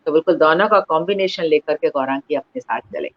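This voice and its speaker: A woman's voice: low-pitched, brisk, no echo, dull audio. A woman hosting an online interview, formal and encouraging, often stopping to praise her guest. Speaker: interview host.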